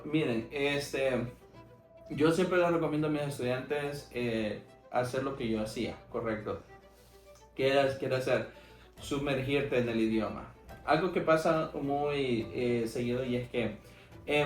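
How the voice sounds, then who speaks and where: Salvadoran man in a roomy podcast studio. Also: mid-range voice. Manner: frank, anecdotal, heavy on fillers like "este" and "¿verdad?". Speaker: English teacher and former call center agent. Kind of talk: casual podcast interview.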